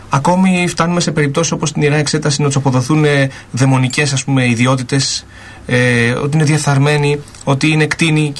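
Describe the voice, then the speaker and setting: Lecturing male radio panelist. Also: mid-range voice. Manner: lecturing, listing points one after another. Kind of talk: explanatory radio discussion.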